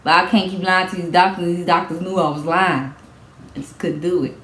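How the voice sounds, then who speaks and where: A young woman, telling a casual storytime vlog with lively, animated delivery and frequent laughs. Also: fairly low pitch, fairly quick. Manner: animated storytelling, acts out quotes, laughs often. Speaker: vlogger. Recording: echoey room, faint background noise.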